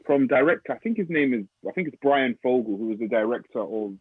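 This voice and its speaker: A man's voice: medium pitch, animated, quick pace, husky, no echo. A London man co-hosting a casual podcast. He talks in slang and repeats words for emphasis. The sound is very dry and narrow, like a phone line. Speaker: podcast co-host. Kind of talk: casual chat.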